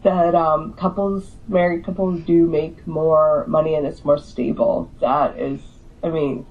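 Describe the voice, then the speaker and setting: A woman who coaches people through divorce, speaking with a hoarse voice in slow, hesitant casual talk. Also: sits low, steady tone. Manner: slow, hesitant, many fillers. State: hoarse from recovering illness. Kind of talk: casual discussion. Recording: muffled lo-fi audio.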